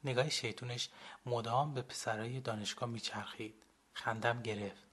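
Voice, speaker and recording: A young man narrating a personal story in the first person, calm and reflective. His voice has a husky, slightly breathy grain throughout the radio reading. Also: medium pitch. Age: young adult. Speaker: blogger and storyteller.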